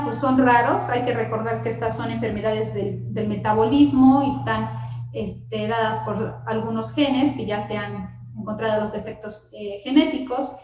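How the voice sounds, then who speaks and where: Woman, medical lecturer, explanatory with fillers, higher pitch, roomy lo-fi recording. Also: noisy background. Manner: explanatory, with frequent fillers and asides to students. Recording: lo-fi echoey room recording.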